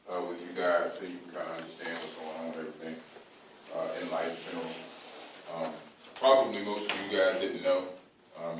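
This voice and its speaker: An American man, middle-aged, giving an informal, earnest pre-game pep speech to his team as a coach, halting and repeating phrases for emphasis. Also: low voice. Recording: echoey room, distant mic, faint background noise.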